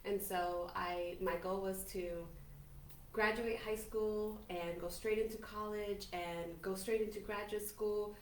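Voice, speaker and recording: A chatty, self-assured woman in her forties whose first language is Spanish, speaking at a middle pitch for a woman. She sits back from the microphone in a roomy space. A faint hiss runs under her voice. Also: steady tone, slow pace, far from the mic. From Colombia. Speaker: podcast guest, business owner. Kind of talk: casual interview talk.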